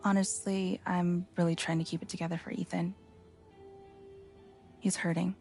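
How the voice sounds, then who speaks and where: Game role: worried, grieving mother, middle-aged, subdued, gravelly edge, music underneath. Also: on the low side, flat delivery, normal speed, darkish tone. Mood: weary, worried. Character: weary grieving divorced mother, worried about her child. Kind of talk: video game dialogue.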